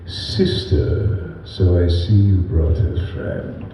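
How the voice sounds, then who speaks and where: A man voicing a menacing male villain who embodies the dark side, with a slow, low, sinister delivery. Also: steady tone, slight background noise. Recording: echoey hall recorded from far off.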